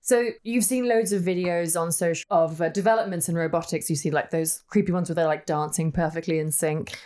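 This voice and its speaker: Brief: UK-raised woman, podcast co-host, lowish voice, chatty and laughing, casual chat. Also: fairly even intonation, brisk, mellow. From United Kingdom. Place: Austin.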